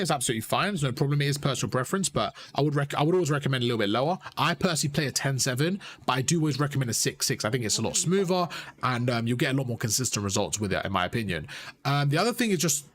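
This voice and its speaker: Streaming live, a young man coaches players and chats loosely with viewers, repeating phrases and addressing chat as "bro." His fairly high, slightly bright voice sounds strained from talking.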